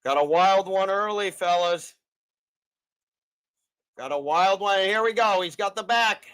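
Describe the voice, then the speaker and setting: Guy hosting a fight betting livestream, kinda high voice, gets hyped and cheers fighters on. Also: a little slow, a bit bright, smooth. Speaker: livestream host. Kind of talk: live fight betting commentary.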